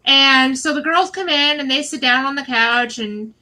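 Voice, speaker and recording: A woman's voice: high voice, moderate pace, sharp tone, faint music behind, poor audio. A woman from Michigan giving a chatty, rambling recap of a reality show, full of fillers and asides. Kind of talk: casual spoken recap. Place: at home with her husband nearby.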